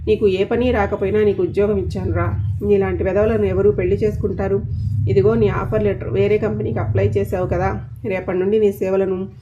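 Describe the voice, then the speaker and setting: A woman's voice: mid-range voice, little pitch movement, brisk, muffled recording, background noise, natural voice. A woman voicing a stern young man who angrily scolds a friend in an audio story. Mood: angry. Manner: scolding, accusing. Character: stern young male boss, angry friend.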